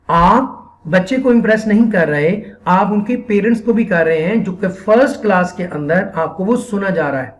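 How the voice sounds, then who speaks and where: A man with a Pakistani accent and a high voice gives an earnest instructional lecture training Quran teachers. He often repeats phrases and mixes in English.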